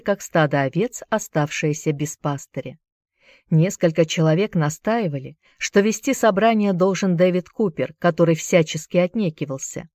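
A woman narrates a novel in a steady, measured audiobook reading. Her voice sits fairly low, and the recording is dry and close, with no room around it. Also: no echo. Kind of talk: scripted narration.

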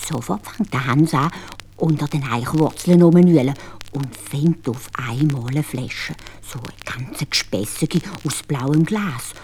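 A woman with a Swiss German accent telling a fairy tale in an expressive, animated way. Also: sits low, measured pace, few pauses, slight background noise. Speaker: storyteller.

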